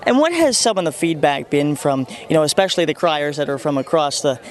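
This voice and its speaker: A man's voice: a little high, lively intonation, fairly quick. A man reporting for a news piece, as a field reporter and interviewer.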